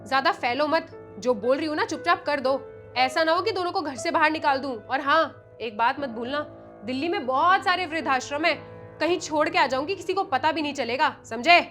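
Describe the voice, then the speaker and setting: Actress as insulting young daughter-in-law, commanding, high voice, light music behind. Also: female voice, fairly quick, fairly bright tone. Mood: contemptuous.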